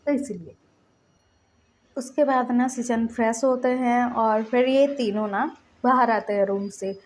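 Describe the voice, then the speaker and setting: A woman with a high voice narrates a fan fiction story in a relaxed, conversational way. She keeps breaking into the characters' dialogue, quoting them as she goes. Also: measured pace, a little hiss or hum. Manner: retells story lines in quoted dialogue.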